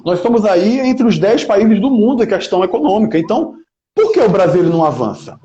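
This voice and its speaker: A man's voice: high voice, big pitch swings, a little fast, dark tone. A man, answering interview questions as a political pre-candidate in an emphatic, speechmaking way, often tagging his points with "né?". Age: 20s. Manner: emphatic, speechmaking, leans on "né?" tags. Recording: roomy, slightly dull lo-fi sound.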